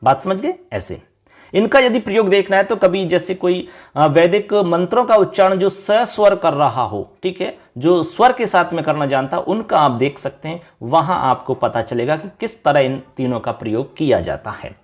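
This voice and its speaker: Male teacher from India, high-pitched voice, patient and repetitive explanations, online grammar lesson. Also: lively intonation, normal speed. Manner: explains patiently, repeats points and checks understanding.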